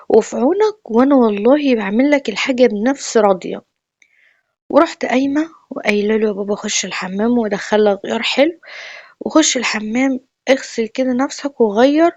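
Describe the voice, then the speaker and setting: Egyptian woman storyteller, chatty and confiding, quick higher voice, dull dry recording. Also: a little mellow, no echo. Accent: Egyptian Arabic. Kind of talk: first-person storytelling.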